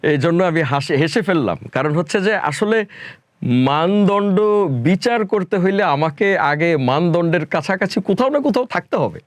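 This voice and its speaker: Speaking with a high pitch and lively intonation at a normal speed, a man from Bangladesh who teaches spoken English answers interview questions. He talks emphatically and mixes in English phrases, and the clean studio audio has no room sound.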